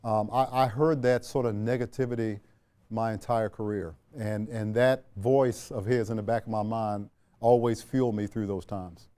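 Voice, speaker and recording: An older man from Washington, D.C., a retired general, telling stories in a sit-down interview. He speaks in a measured, unhurried way, with frequent restarts and fillers. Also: on the low side, steady tone, warm tone. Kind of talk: reflective storytelling in a sit-down interview.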